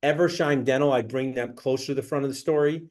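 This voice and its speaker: A man's voice: mid-range voice, steady tone, fast talker, a little mellow. A man hosting a rehearsal for sponsor introductions, enthusiastic and coaching, laughing often. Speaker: host running a sponsor rehearsal. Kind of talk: coaching, casual and upbeat.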